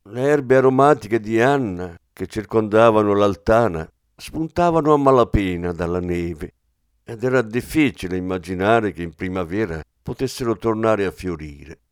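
A man with a low voice narrates an audiobook. His reading is measured and descriptive. The recording is dry and close. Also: animated, clean tone, no room sound.

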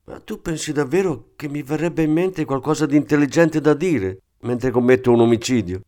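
A man reading aloud and voicing an eager, clumsy small-time thief with a wheedling, excitable manner. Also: mid-range voice, moderate pace, voice pushed up, natural voice. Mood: coaxing. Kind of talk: audiobook character voice.

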